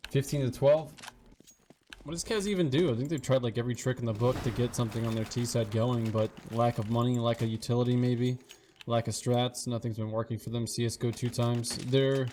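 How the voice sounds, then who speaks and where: A man's voice: medium pitch, level tone, brisk, dark tone, slight background noise. A man giving chatty color commentary on an esports match, laughing and making confident predictions. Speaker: esports analyst caster.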